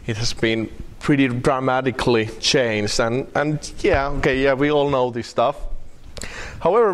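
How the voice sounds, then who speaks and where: A man from Finland with a Finnish accent, giving a technical conference talk with slides, wry and halting, with many fillers and restarts. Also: mid-range voice. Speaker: conference speaker.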